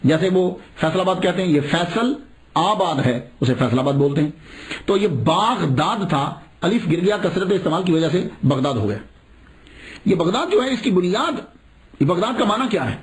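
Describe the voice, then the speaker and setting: A male preacher tells a religious story with a lively voice that leaps up and down, sitting fairly high for a man. He throws in rhetorical questions and chuckles as the tale unfolds.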